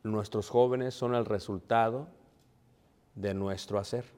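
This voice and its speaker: A man's voice: fairly low pitch, fairly even intonation, measured pace, a little mellow. Bilingual preacher man in a reverberant hall. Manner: preachy, addresses congregation as brothers, mixes English phrases. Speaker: pastor. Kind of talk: sermon. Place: church.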